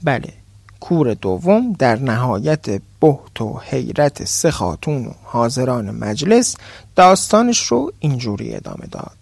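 A man narrating a folk tale on a podcast with expressive, dramatic delivery. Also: medium pitch, vocal fry, slightly rough, dry recording. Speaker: podcast storyteller. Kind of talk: scripted storytelling narration.

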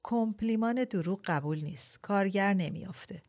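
A woman playing a quick-tongued young bride. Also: medium pitch, darkish tone, voice pushed up, close to an everyday voice.

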